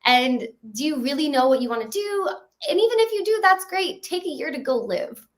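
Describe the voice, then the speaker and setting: A woman in her thirties, a guest in a casual interview, talking in a quick, animated way and often laughing. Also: sits high. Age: 30s. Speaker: podcast guest.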